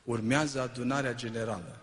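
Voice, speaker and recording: Male preacher, sermon, rhetorical questions, emphatic repetition, mid-pitched voice, long church-hall reverb. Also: fairly even intonation, a bit bright. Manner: asks the congregation rhetorical questions.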